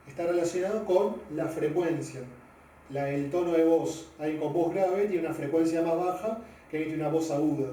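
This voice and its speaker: A man, a physics teacher explaining sound waves in a loose, hesitant way with many fillers; he says his own voice is deep. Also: dark tone, slight background noise. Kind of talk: spoken physics lesson. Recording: very echoey room, mic at a distance.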